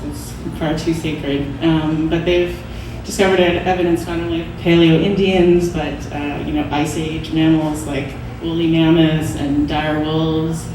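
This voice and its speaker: A woman's voice: sits low, flat delivery, measured pace, few pauses. A woman panelist speaking in a chatty way and laughing easily. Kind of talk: panel talk. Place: gallery event space. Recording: echoey room, distant mic, some noise.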